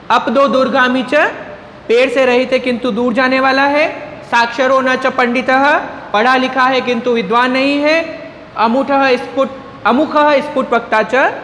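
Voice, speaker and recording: Brief: high-pitched male teacher, unhurried, chants verses and repeats each point, echoey room. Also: a bit bright. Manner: chants Sanskrit verses slowly, repeats each explanation twice. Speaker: Sanskrit teacher. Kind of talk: slow explanatory lesson, reciting verses then explaining. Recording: echoey room with long reverb, faint noise.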